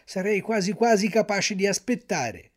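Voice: mid-range voice, lively intonation, normal speed, natural voice. A storyteller voicing Pinocchio, a puppet boy torn by temptation, speaking in a wistful, hesitant, wondering way.

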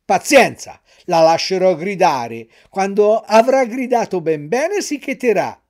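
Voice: medium pitch, big pitch swings, a little slow, a little mellow. A storyteller voicing Pinocchio, a puppet boy torn by temptation, speaking in a wistful, hesitant, wondering way.

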